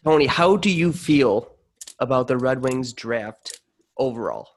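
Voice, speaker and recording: A man's voice: mid-range voice, lively intonation, measured pace. A man co-hosting a podcast over a weak internet call, his voice stuttering and breaking up as the audio buffers. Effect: choppy, stuttering internet call audio that drops out. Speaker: podcast co-host. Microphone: remote call over weak Wi-Fi. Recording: choppy distant-sounding call audio.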